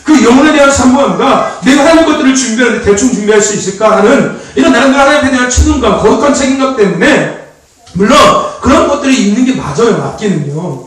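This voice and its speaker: A male pastor giving a chatty, animated sermon, laughing often and prompting the congregation for amens. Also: very high-pitched. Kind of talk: informal sermon. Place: church sanctuary. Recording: echoey hall, distant mic, faint noise.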